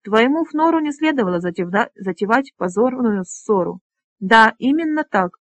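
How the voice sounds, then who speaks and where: An audiobook reader voicing an elderly male dragonrider leader in a stern, deliberate manner. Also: mid-range voice, lively intonation, fairly bright tone, no echo.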